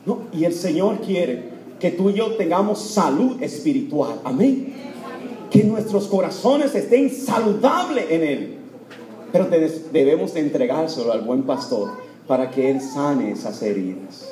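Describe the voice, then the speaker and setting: A man preaching an emotional sermon in a church, repetitive and full of fillers, swinging from loud fervent cries to hushed tones. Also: fairly high pitch, animated, unhurried. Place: church before Mass. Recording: echoey church room.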